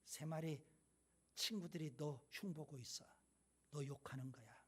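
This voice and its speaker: A man's voice: a little high, measured pace, husky, pitched below the performer's own voice. A man doing a sly whispering lion. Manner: hushed, coaxing.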